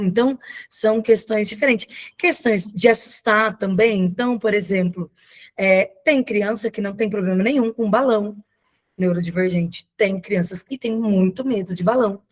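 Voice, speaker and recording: A woman speaks over a video call in a patient, explanatory way, guiding listeners through her points. Her pitch sits in a typical middle range. She often pauses to check in with her audience. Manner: slow, explanatory, many "né?" tags. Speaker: guest speaker on children's ministry. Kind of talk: online lecture.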